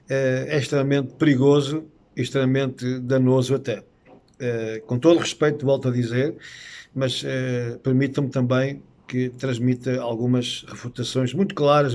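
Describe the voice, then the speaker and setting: A middle-aged man with a European Portuguese accent, teaching about Bible prophecy in an earnest, unscripted way, often pausing on hesitant "eh" fillers. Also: mid-range voice, darkish tone.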